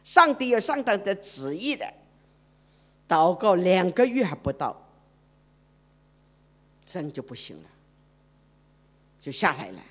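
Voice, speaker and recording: Woman preacher, lively storytelling sermon with a very animated pitch. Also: slow, long pauses. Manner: dramatic, swings from loud to hushed.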